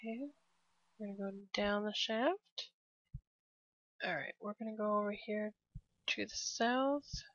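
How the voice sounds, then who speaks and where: A woman casually narrating a game walkthrough step by step, relaxed and prone to laughing. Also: medium pitch, measured pace, pauses often, dry recording. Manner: relaxed, laughs often, cheers at a blast. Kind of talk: casual gameplay commentary. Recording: dry, slightly dull lo-fi.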